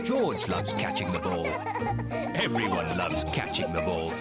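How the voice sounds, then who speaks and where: A man narrating a children's cartoon in a calm, matter-of-fact, gently amused way. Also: deep voice, measured pace. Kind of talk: scripted storybook narration. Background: cartoon background music.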